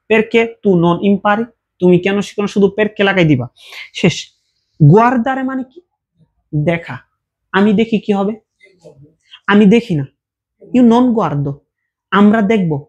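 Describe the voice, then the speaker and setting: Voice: mid-range voice, darkish tone, husky. A teacher giving a casual language lesson, explaining verb forms patiently with repeated examples and check questions.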